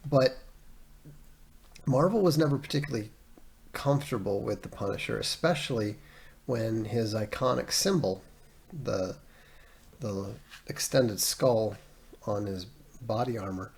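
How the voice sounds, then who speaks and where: A male livestream host talks at a casual, rambling pace, stopping often on fillers and restarting his sentences. His voice has a gravelly, creaky edge with a husky, slightly rough texture. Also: fairly low pitch, a little slow, pauses often. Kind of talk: casual solo livestream talk.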